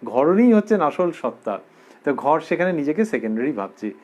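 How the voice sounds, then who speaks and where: A man giving a spiritual discourse as a religious lecturer, explaining slowly and repeating quoted verses for emphasis. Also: fairly high pitch, big pitch swings, a little mellow.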